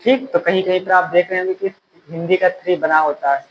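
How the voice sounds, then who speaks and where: A male teacher giving a classroom lecture, repeating key phrases slowly so students can write them down. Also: high-pitched, steady tone, slight background noise, poor audio.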